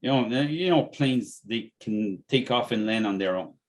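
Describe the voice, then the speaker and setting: A man's voice: medium pitch, expressive, moderate pace. A man hosting a casual health podcast who often stops and repeats words mid-sentence. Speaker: podcast host and natural health business owner.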